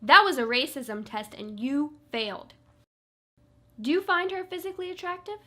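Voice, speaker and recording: A woman's voice: high-pitched, animated, moderate pace, pushed and bright. A woman playing a self-righteous daytime TV judge in a comedy radio sketch, stern and scolding. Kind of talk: comic radio sketch acting.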